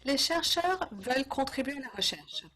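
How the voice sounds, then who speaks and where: A woman's voice: high voice, animated, normal speed, fairly bright tone. A woman giving live interpretation of a lecture webinar, speaking steadily with hesitations and self-corrections.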